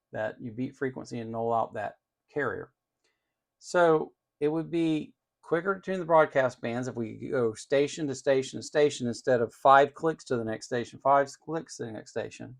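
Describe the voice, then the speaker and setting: Creaky and mid-range, this man's voice belongs to the host of an electronics channel. He runs an unscripted tech demonstration, walking through it step by step with strong opinions and stressing key words.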